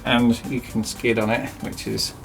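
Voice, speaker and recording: A man's voice: medium pitch, flat delivery, unhurried, creaky, soft background music. A man chatting casually and self-mockingly as he rambles through a DIY project in his cramped home workshop. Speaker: DIY video host.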